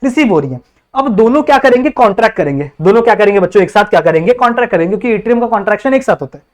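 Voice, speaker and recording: A man's voice: sits high, lively intonation, rapid-fire. A man with an Indian accent teaching biology in a classroom-style lecture, mixing Hindi with English terms and often asking students whether they understand. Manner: keeps checking understanding with repeated questions.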